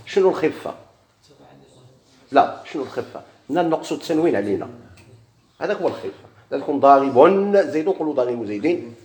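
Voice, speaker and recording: Recorded in an echoey room, a man with a Moroccan Arabic accent teaches grammar, asking his students questions before answering them himself. His voice is fairly high and darkish in tone, and his animated, quick delivery pauses often.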